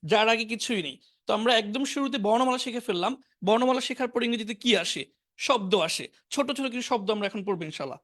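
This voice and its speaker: A woman teaching a beginner English class online, reciting letters and simple words slowly and clearly for learners to repeat aloud. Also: a little high, animated. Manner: slow, drilling repetition for learners to repeat aloud.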